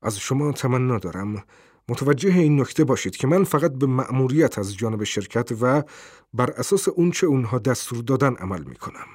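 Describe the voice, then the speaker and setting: A man voicing a hesitant, formal company messenger who pauses on drawn-out ums. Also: medium pitch, lively intonation, a little mellow, dry recording, studio quality, natural voice.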